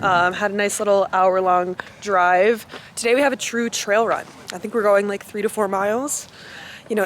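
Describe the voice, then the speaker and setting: A woman's voice: mid-range voice, slight background noise. A young woman chatting casually to camera as a running vlogger, in an informal, chatty way. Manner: informal, chatty, mild swearing.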